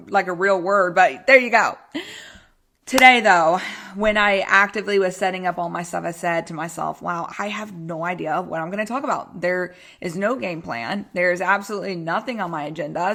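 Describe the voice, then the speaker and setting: A Texan woman from the United States hosts a casual solo podcast, her voice fairly low, a bit bright, and at normal speed. She rambles in a bubbly, informal way and pokes fun at herself, sounding like a health coach chatting with her regular listeners.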